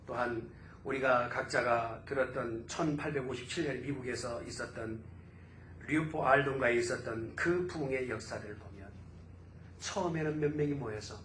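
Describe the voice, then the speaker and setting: A man pastor preaching a fervent sermon in a church, his voice swelling to loud exclamations. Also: mid-range voice, a little hiss or hum. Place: church sanctuary. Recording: roomy church echo.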